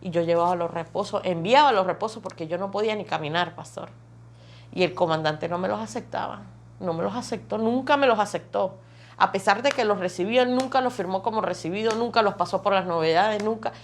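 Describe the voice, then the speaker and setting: A woman's voice: medium pitch, a little fast, a little hiss or hum. A woman, giving an emotional personal testimony in vivid, repetitive storytelling that piles up phrases. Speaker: testimony guest.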